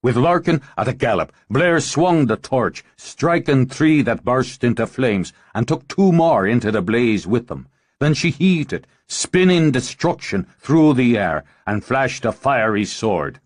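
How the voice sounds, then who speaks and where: A man narrating an audiobook in a dramatic, expressive way. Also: mid-range voice, measured pace, dry recording, clean studio sound.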